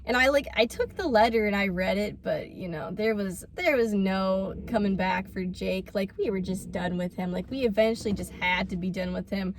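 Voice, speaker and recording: A woman's voice: medium pitch, normal speed, hardly any pauses, a little hiss or hum. A young woman telling a story in casual vlog chat, full of fillers. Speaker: vlogger.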